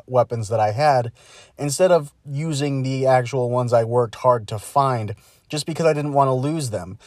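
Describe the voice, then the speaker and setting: A man hosts his podcast alone, his voice captured on a phone while he sits in a car. The sound is dry and close with no room echo. His pitch is middling, and he talks thoughtfully, often stopping with an "uh" to find the right word. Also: a little mellow. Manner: thoughtful, searching for words with frequent uh's. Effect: recorded on a phone. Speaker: podcast host. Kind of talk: casual solo commentary. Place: inside a parked car.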